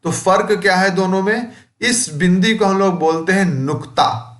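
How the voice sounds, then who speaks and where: A man teaching a school lesson, reading a play aloud and explaining it slowly and deliberately, drawing out words to show their sounds. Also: sits high, fairly bright tone, echoey room.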